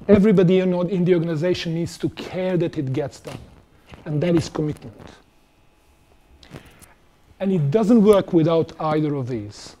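A man's voice: on the high side, normal speed, pauses often, dark tone, a little hiss or hum. A middle-aged man giving a conversational conference talk on stage in a large auditorium, putting questions to the audience. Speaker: conference speaker.

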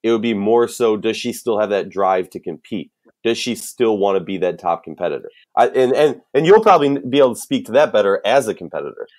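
A man with a Minnesotan accent talks over a casual sports podcast. His voice sits on the low side. He thinks out loud, circling back through restarts and fillers before he lands his point. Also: lively intonation, brisk. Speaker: podcast co-host.

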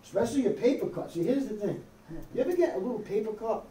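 This middle-aged US pastor has a high, dark-toned voice with lively intonation and a quick pace, preaching conversationally and often checking in with "okay?" and "amen?". Slight background noise is audible, and the distant camera in the small wood-paneled church hall makes the sound echoey.

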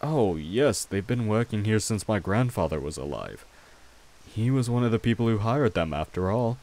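A man with a deep voice tells a story in the role of a courtly, protective vampire king in ASMR roleplay. He addresses the listener formally and reassuringly, gentle and wry, at an unhurried pace.

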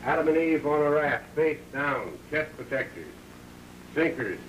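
Brisk counterman, echoey and off mic, old film sound. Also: fairly high pitch, expressive, far from the mic, slight background noise. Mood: businesslike. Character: brisk male diner counterman calling orders in slang. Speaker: diner counterman. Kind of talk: early talkie film acting.

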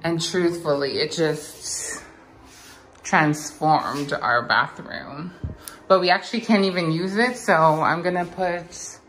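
Speaking slowly in a low-pitched, slightly bright voice, a woman in her twenties vlogs from her home kitchen and later a rooftop terrace. She holds the phone at arm's length and talks casually with lots of "like" and "um" fillers over ambient background noise.

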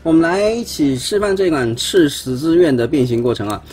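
Soft music plays as this man, a toy reviewer, casually walks through assembling a toy piece by piece on an indoor tabletop. His voice sits on the high side, expressive and brisk, with a darkish tone and a breathy edge, and he frequently trips over and repeats words as he handles the parts.

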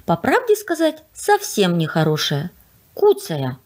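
A woman's voice: on the low side, huge pitch swings, a little slow, exaggerated voice. A woman reading the part of a fussy, picky young boy who frightens easily, in a storybook read-aloud. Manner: fussy, complaining.

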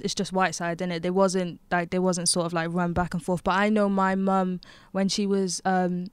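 A young Welsh woman, appearing as a rapper guest in a studio lounge, talks frankly and animatedly in casual conversation into a handheld mic. Her voice is lowish, clear and resonant, with no room sound.

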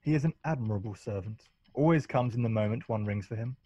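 A man acting a wry, righteous Victorian lord in a radio play, speaking in a measured, cutting, formal way. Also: fairly low pitch, dark tone, slightly rough, muffled recording. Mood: coolly mocking.

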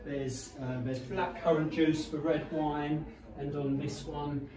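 A man's voice: fairly high pitch, steady tone, slow. Man talking casually in an echoey room. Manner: loose and rambling, with fillers. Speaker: exhibiting photographer. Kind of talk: informal gallery talk. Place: small gallery room with photos on the walls. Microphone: far camera. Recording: echoey room, distant mic, people around.

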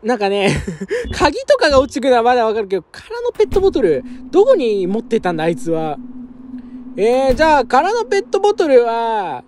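Young guy gaming at home, rough casual chatter, pitch bounces all over, keeps his voice down. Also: huge pitch swings, brisk. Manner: rough casual speech, talks to himself and viewers, chuckles. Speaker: game streamer. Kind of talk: let's play commentary. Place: apartment room at night, keeping his voice down.

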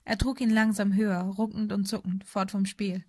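A woman's voice: medium pitch, moderate pace, slightly rough, no echo. Woman narrating a storybook, dry sound. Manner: steady storytelling. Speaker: audiobook narrator. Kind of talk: scripted narration.

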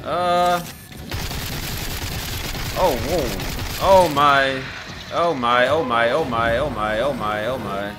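A man giving excitable, profane, joking commentary while playing a game, with game music and gunfire mixed in. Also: mid-range voice, takes it slowly, long pauses, background noise. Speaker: gamer. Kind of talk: gameplay commentary.

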